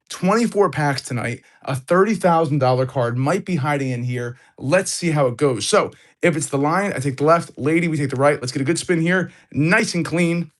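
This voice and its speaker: Excitable and hyped, a man greets viewers while hosting a live card-opening stream. His voice sits on the high side and sounds slightly off, since he's recovering from being ill.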